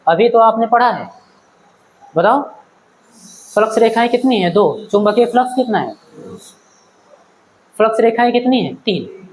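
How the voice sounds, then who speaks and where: A man's voice: very high voice, expressive, measured pace, long pauses, a little hiss or hum, poor audio. A man teaching a physics class in a classroom-lecture style, asking questions and checking that the students follow. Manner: questioning, checks understanding, calls students "beta".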